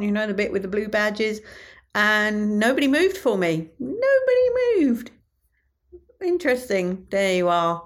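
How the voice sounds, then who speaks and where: A woman with a British accent, chatting through an audio diary as a podcast host. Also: medium pitch. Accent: British English.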